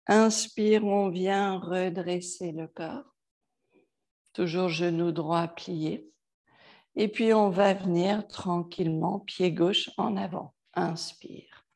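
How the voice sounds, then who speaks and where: Female yoga instructor, soft counted cues, dark mellow tone, slow delivery. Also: fairly low pitch, creaky. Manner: slow, calm cueing with soft counted breaths. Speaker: yoga teacher. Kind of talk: guided yoga class instruction.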